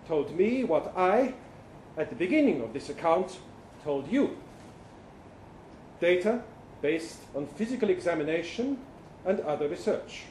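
Reading a first-person short story at an indoor literary event, a man plays an earnest professor who says he's from the future and seems thoroughly bewildered. The voice is high with a darkish tone, careful and puzzled, formal and precise yet hesitant, broken by halting pauses. The roomy live venue carries faint background noise.

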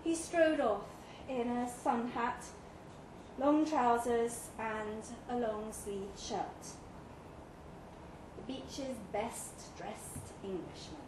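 At a live reading in a pub, a woman with a fairly high voice draws out her words as she performs a first-person literary short story. The sound is roomy and live, with background noise clearly present.

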